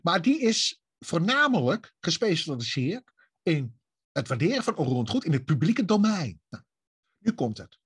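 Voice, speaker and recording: A man with a husky, fairly high voice tells a story conversationally. His intonation swings widely as he repeats himself, stumbles over words and poses questions that he answers himself. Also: big pitch swings, moderate pace, no echo, clean studio sound. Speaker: guest telling about a local government dispute. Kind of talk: animated conversational storytelling with acted-out dialogue.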